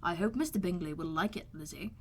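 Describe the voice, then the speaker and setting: A woman voicing a calm, sardonic middle-aged father in an audiobook, teasing in a measured, wordy, deadpan way. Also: fairly low pitch, lightly acted. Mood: dry. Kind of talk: audiobook character voice.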